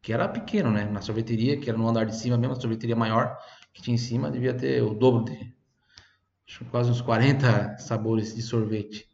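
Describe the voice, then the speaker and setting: A man gives an online language lesson, slowing down to repeat each word and phrase so viewers can say it after him. His voice sits at an ordinary middle pitch, picked up by a desk microphone in a roomy space with a slightly dull sound. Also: fairly even intonation, vocal fry, a little mellow. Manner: patient, repeats phrases slowly for learners to copy. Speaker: Italian language teacher.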